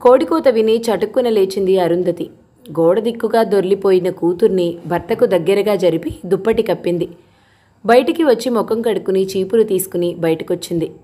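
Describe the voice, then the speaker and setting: Mellow-voiced woman narrating a story. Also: medium pitch, a little fast. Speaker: audiobook narrator.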